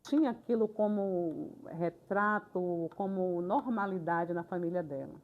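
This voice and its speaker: An older woman, a retired teacher telling classroom stories in a lively, colloquial way for a documentary. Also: lowish voice, a little slow. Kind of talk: documentary interview storytelling. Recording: slightly dull, lo-fi sound.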